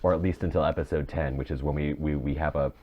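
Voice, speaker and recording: A fast-talking man with a rumbling low voice keeps his intonation fairly even. As a podcast co-host and audio drama maker, he rambles in casual conversation, often restating things mid-thought. His mic sounds dull and muffled, and the noise is clearly audible.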